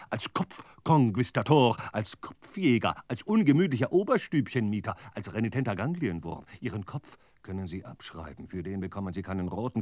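A man performing a theatrical radio art recitation, declamatory, swinging between loud outbursts and low murmurs. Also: dry recording, studio quality. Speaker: radio play speaker.

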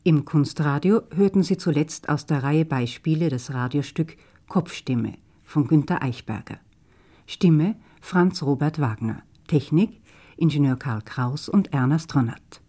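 A radio announcer reads out the programme credits at the end of a broadcast. The voice is mellow and warm in tone. The delivery is even, measured and formal. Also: mid-range voice.

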